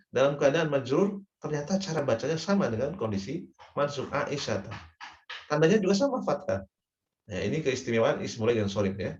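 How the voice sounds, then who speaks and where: A man's voice: mid-range voice, a little mellow. A man teaching grammar in a lecture, patiently repeating each term and checking in with short confirmations. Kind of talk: classroom lecture. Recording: roomy, dull lo-fi recording.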